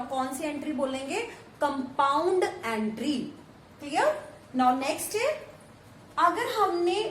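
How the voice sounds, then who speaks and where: A woman teaching an accountancy lesson, explaining step by step and answering her own questions. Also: sits high. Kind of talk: classroom lecture. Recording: echoey room with faint hiss.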